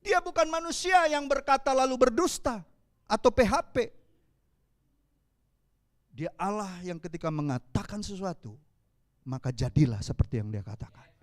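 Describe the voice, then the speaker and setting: A man with a Palembang accent preaching a sermon as pastor, animated and calling out to the congregation. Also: high voice, normal speed, long pauses.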